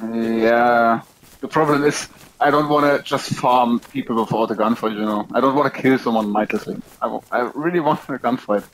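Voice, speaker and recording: A man's voice: mid-range voice, moderate pace, fairly bright tone, slight background noise, poor audio. A German man speaking English with a German accent, chatting casually and a little hesitantly while playing an online game, in a joking manner.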